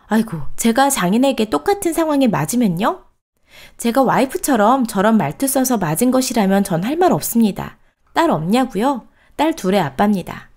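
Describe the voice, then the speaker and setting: A woman hosting a storytelling channel, reading a reader's post aloud in an expressive, steady cadence. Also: a little high.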